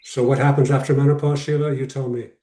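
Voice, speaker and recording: A man with a mellow, relaxed voice gives an informal religious lecture as a rabbi. He sounds set back from the microphone in a roomy, echoing space on a video call. He leans on short, repeated phrases to make each point. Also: mid-range voice, fast talker. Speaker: rabbi teaching a class. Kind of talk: informal lecture with question and answer. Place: online video call session. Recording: roomy echo, distant from mic.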